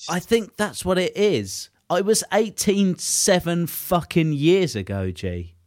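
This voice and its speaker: A man in his mid twenties chatting casually on a podcast, rambling and animated, swearing freely. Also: high-pitched, takes it slowly, no echo. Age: 20s. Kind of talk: casual chat.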